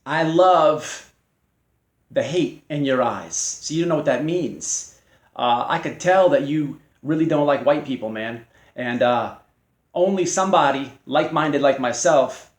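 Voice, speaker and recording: A man hosting his own channel, delivering a mocking, confrontational response to a rival in halting speech full of fillers and restarts. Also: fairly high pitch, reverberant. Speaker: channel host.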